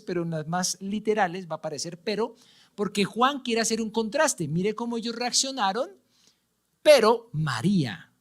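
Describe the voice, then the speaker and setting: A man with a Colombian accent preaching a sermon as pastor, reading scripture with dramatic swings from loud emphasis to hushed whispers. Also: high-pitched. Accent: Colombian Spanish. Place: church.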